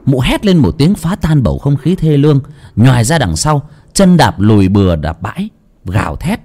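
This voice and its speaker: A man's voice: medium pitch, very animated, normal speed, dark tone. A man narrating a village ghost story in a dramatic, suspenseful way.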